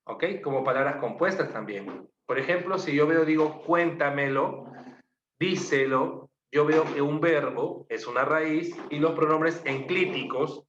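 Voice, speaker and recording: A man's voice: fairly high pitch, a little slow, fairly bright tone. Peruvian male teacher, quizzes the class and repeats answers, in a roomy room with dull sound. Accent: Peruvian Spanish. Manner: asks the class questions, repeats answers, lists examples. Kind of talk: online class lecture. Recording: muffled, echoey room, faint noise.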